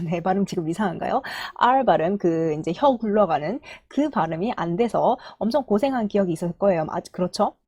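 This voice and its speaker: A woman's voice: medium pitch, dark tone, breathy edge, no room sound, studio quality. A woman teaching Japanese syllables in Korean, patiently counting aloud and drawing out each sample sound. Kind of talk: spoken lesson.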